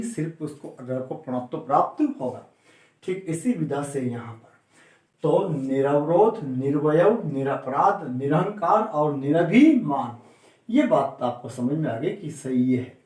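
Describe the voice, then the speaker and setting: A man teaching grammar in a room with noticeable echo. His voice sits a bit high, and he stresses words firmly, drawing them out slowly as he repeats them. He keeps putting questions to the class and answering them himself. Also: a little mellow. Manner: emphatic, repeats and drags out key words.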